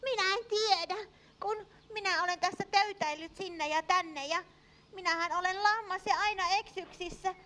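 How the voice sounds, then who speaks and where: A woman voicing an excitable, fretful little sheep in a church puppet show, full of small cries. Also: extremely high pitch. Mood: flustered. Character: anxious clumsy little lost sheep, female. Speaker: puppet character.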